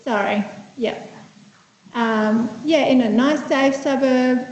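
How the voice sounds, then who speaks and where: A woman's voice: high voice, slow, a little mellow. A woman psychiatrist from Vietnam giving a conference talk, conversational and thoughtful, with many fillers and restarts. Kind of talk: conference presentation. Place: lecture room. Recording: echoey hall, dull lo-fi sound.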